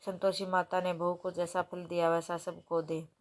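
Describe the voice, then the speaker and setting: A woman narrating a devotional fasting story as a storyteller, in a steady, even reading. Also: fairly low pitch.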